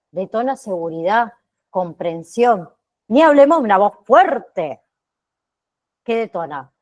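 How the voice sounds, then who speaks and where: A woman teaching an online class, speaking slowly and deliberately, pausing on fillers and often checking in with her students. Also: fairly high pitch. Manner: checks in with frequent "¿sí?" tags; slow and deliberate, with pauses and fillers.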